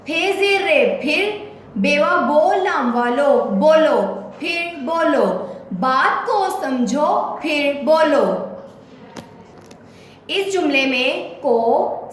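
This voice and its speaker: A woman teacher leading a children's reading lesson, spelling words out slowly letter by letter. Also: high voice, a bit bright, slight background noise. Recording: very echoey room, faint ambience.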